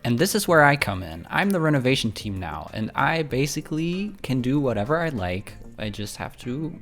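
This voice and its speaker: A man's voice: medium pitch, sing-song, normal speed, vocal fry, a bit bright, soft background music. A man hosting a home-building game video, talking casually over the footage with a friendly, apologetic manner and many ums. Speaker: speed-build video host.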